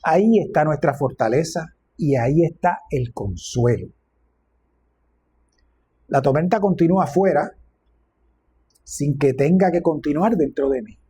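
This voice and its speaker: Preacher, male, reflective with light humor, mellow husky tone. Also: fairly high pitch. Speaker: minister. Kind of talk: sermon.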